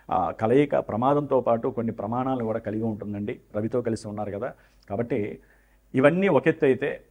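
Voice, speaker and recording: A man's voice: mid-range voice, a little mellow. Man giving an earnest astrology forecast. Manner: earnest advice-giving, formal devotional phrasing.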